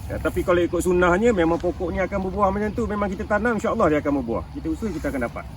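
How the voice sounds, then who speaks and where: A durian farmer in his fifties with a Malaysian Malay accent hosts a farming channel, chatting casually to viewers outdoors in his orchard, laughing often and checking they follow. His high voice comes rapid-fire, recorded from a distance with a little hiss or hum.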